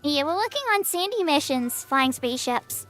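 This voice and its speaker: High-pitched cute anime-style woman streamer. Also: animated, normal speed, fairly bright tone, soft background music. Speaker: livestreamer. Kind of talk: casual livestream chat while gaming.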